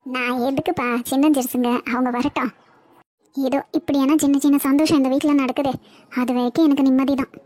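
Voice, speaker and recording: A woman voicing a gentle, caring older mother in a cartoon web series, talking softly and reassuringly. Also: high-pitched, steady tone, brisk, dry recording, close to an everyday voice.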